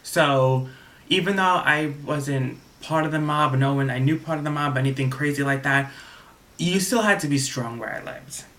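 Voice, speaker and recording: A young vlogger from Staten Island, New York, talks to camera at a normal speed in a fairly bright, higher-pitched voice. His story is casual and rambling, and he often restarts his sentences.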